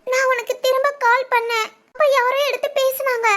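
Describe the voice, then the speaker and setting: A woman's voice: very high voice, level tone, fairly quick, fairly bright tone. A woman voicing a frantic, tearful young woman in a cartoon, pleading and repeating a name. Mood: relieved. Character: young woman frantic over her lover. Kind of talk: Tamil cartoon voice acting.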